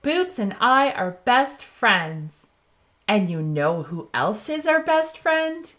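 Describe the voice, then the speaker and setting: A woman reads a children's storybook in the voice of a cheerful young girl explorer, her pitch fairly high, a bit bright, and swinging widely in an exaggerated way. She takes it slowly, sounding cheerful and encouraging as she asks listeners questions and then praises their answers.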